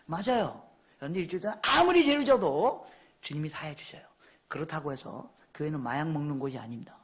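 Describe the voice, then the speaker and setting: A man preaching a Sunday sermon in a church, telling stories and swinging from hushed asides to loud, emphatic passages. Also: a little high, animated, brisk, husky. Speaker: missionary preacher. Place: church sanctuary.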